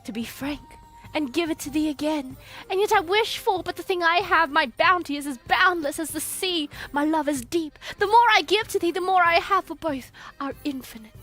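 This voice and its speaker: A woman's voice: extremely high pitch, moderate pace, few pauses, fairly bright tone, soft background music. A woman playing an ardent young woman in love in a theatrical Shakespeare reading, with an impassioned, declamatory delivery. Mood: tender, ardent.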